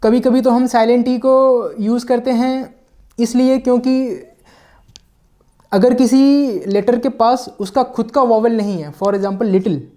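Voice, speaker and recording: Male teacher, mellow voice, step-by-step explanations, checks in with listeners, mixes in English words. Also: extremely high pitch, unhurried. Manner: mixes English words into his sentences and sometimes corrects himself mid-word. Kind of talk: explanatory classroom lesson.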